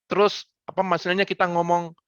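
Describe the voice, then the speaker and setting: A man answering students' questions on a video call, talking in a playful, animated way and dropping in English phrases. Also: sits high, brisk, clean tone, no room sound, muffled recording. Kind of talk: lively Q&A on a school video call.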